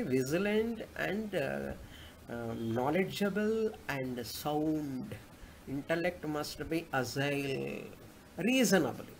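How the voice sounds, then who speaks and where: A man's voice: on the high side, low-quality recording. A man with a South Indian accent teaching a scripture class, explaining didactically by asking and answering his own questions. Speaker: Vedanta teacher. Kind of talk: spoken scripture class with chanted Sanskrit verses. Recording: clear background noise.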